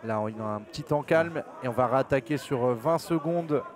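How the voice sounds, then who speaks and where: A man's voice: mid-range voice, a little fast. A man giving live MMA commentary as lead commentator, keen and emphatic in his play-by-play.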